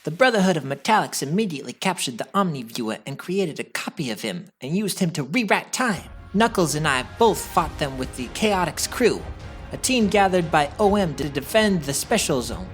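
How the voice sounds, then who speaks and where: A woman voices a cocky young cartoon hedgehog hero telling his own backstory. The voice is on the low side, casual and wry, with prominent music playing underneath. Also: sing-song, moderate pace. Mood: matter-of-fact. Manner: casual, wry storytelling asides. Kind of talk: scripted comic dub narration.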